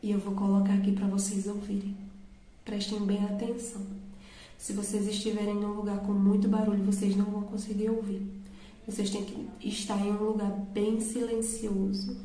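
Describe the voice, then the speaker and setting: A woman's voice: mid-range voice, completely flat delivery, moderate pace, warm tone, echoey room, poor audio. A woman earnestly telling her viewers a personal faith testimony, awed and direct. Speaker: testimony vlogger.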